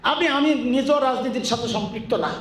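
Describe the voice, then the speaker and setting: A man's voice: very high-pitched, brisk, a bit bright. A man preaching a sermon to a crowd, telling folksy stories in colloquial speech and drilling his listeners with repeated questions. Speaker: Islamic preacher. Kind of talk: Bangla waz sermon with call-and-response. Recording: echoey, from far off, faint background noise.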